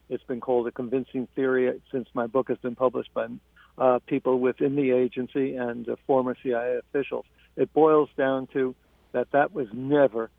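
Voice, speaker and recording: A man, an author being interviewed about his book, speaking in a measured, halting way with frequent restarts. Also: medium pitch, gravelly, no echo. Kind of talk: radio interview. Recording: tinny phone line.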